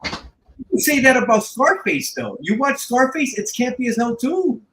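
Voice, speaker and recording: A man in his thirties, co-hosting a podcast in casual chat, animated and often stumbling over and repeating his words. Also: very high-pitched, moderate pace, poor audio. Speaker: podcast co-host.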